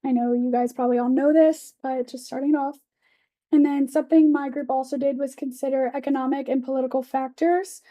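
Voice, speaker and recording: In a lecture classroom, a young woman teaching assistant who is losing her voice gives the class tips in a casual, informal presentation, peppered with "kind of" and "you know." Her voice is high, warm, and steady, and she speaks fairly quickly.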